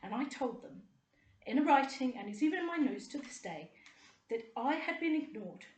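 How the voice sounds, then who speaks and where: A woman's voice: high-pitched, big pitch swings, moderate pace, roomy sound. A middle-aged woman, delivering an indignant, rambling and sarcastic monologue to camera. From United Kingdom. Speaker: vlogger.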